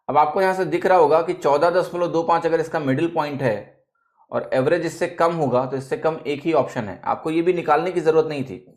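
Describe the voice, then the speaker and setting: A man teaching math in a classroom lecture, explaining step by step and checking with his students, with English phrases mixed into his talk. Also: on the high side. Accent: Indian. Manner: mixes English phrases into Hindi.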